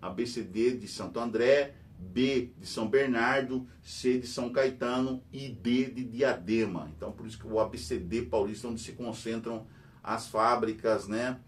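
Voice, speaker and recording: A middle-aged Brazilian teacher hosting a news channel, rambling in casual commentary full of fillers and tag questions. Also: male voice, moderate pace. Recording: distant mic with faint rumble.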